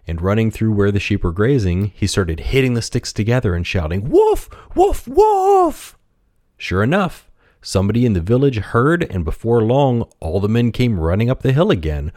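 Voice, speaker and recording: A man hosting a storytelling podcast, reading a children's fable in an expressive, gentle teaching tone on a close mic. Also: deep voice, no room sound.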